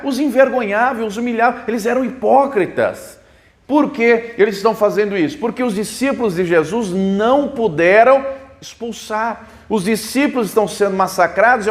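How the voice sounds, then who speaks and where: A man preaching a sermon as a pastor, explaining the Bible with rhetorical questions at a church service. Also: sits high. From Brazil.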